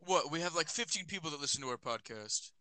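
A man's voice: a little high, expressive, quick pace, a crowd in the background, low-quality recording. A teenage boy hosting a casual podcast with friends, rambling with lots of fillers, recorded on a phone. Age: teens. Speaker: podcast host. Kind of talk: casual chat.

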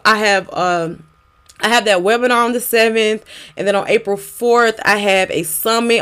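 A woman's voice: on the high side, a bit bright. A woman hosting a casual devotional podcast, speaking in an encouraging, exhorting way to her listeners. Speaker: podcast host.

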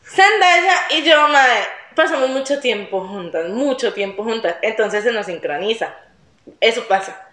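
A young woman with a Costa Rican accent telling a story in casual chat, acting out her own wailing in a high strained voice. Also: expressive, a little slow, a bit bright, echoey room. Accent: Costa Rican Spanish. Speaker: podcast co-host.

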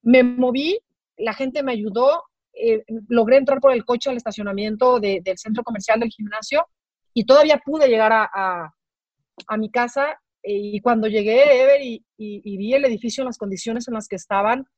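A middle-aged woman with a Mexican accent, telling a personal story as an interview guest, halting and repeating words as her voice breaks with emotion. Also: on the high side, darkish tone, no echo. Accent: Mexican Spanish. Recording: dry, slightly dull recording.

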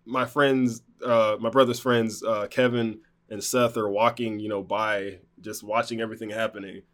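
A man's voice: fairly low pitch, little pitch movement, moderate pace, a bit bright. A man recounting a personal story in casual conversation, rambling with many fillers and restarts. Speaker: guest telling a personal story.

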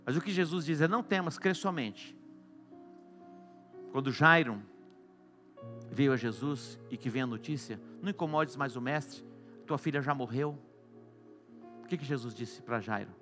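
A Brazilian man preaching a sermon, swinging between loud exclamations and soft hushed lines. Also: medium pitch, normal speed, long pauses, soft background music. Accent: Brazilian Portuguese. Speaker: apostle preaching.

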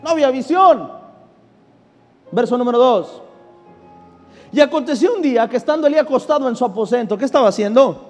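A male pastor with a very high voice and lively intonation preaches a sermon a little fast, pausing often. He reads scripture verse by verse, poses questions he answers himself, and calls for the congregation to respond. Long reverb and faint music fill the recording.

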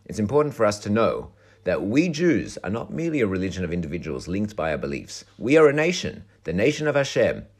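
A hoarse man, a rabbi, calmly explaining a Torah lesson in a recorded weekly talk. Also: sits low. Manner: calm, explanatory teaching delivery.

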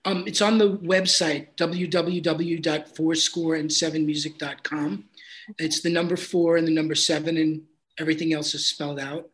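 Man, interview guest, film composer, earnest, thoughtful, slightly high voice. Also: flat delivery, moderate pace, a bit bright, rough recording. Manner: earnest, thoughtful, with repeats and restarts. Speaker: film composer and sound designer. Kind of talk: casual interview chat.

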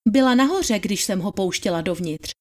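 A woman's voice: medium pitch, lively intonation, a little mellow, natural voice. A woman reading the part of a deferential young housemaid giving witness testimony in plain, polite answers. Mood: testifying. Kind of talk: dramatized trial testimony reading.

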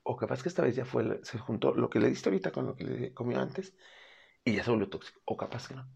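A man's voice: medium pitch, animated, quick pace, creaky, darkish tone, husky. A young Mexican man casually giving pet-care advice on his vlog, chatty and playful, acting out owners' voices.

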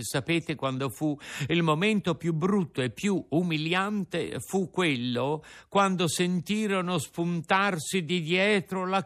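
A man narrating a classic children's tale aloud, in an expressive, theatrical way. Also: mid-range voice. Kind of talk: storybook reading.

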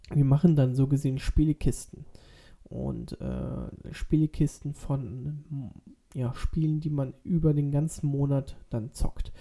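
A man's voice: medium pitch, dark tone. A man with a stuffy nose from a cold, talking casually and hesitantly as a solo podcast host.

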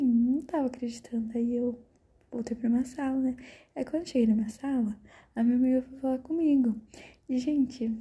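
A teenage girl with a Brazilian Portuguese accent, hosting a podcast and telling a personal story in a breathy voice that slips into half-whispers. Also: sits high, mellow. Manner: breathy, drifting into half-whispers, fillers like "tipo" and "mano". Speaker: podcast host.

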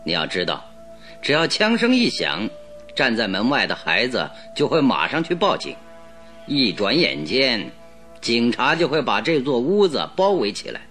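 Faint music sits behind a male actor voicing a radio-drama detective who is calm and shrewd. He talks with sly confidence, persuasive and measured, in a mid-range voice.

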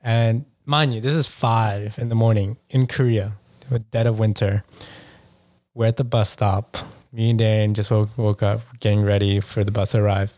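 A man in a casual podcast chat, talking in an animated, slangy way. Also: on the low side, moderate pace, dry recording.

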